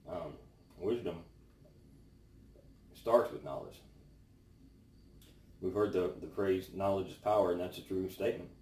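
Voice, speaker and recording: A man giving an informal devotional, reading scripture and reflecting on it in a pensive, halting way with long pauses. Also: low-pitched, a little mellow. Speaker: devotional host. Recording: roomy, distant mic with faint noise.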